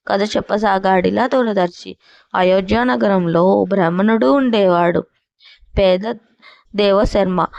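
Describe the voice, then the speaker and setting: A woman narrating a moral fable in a measured, scripted storybook reading. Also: medium pitch, vocal fry, a little mellow, no room sound, lo-fi sound.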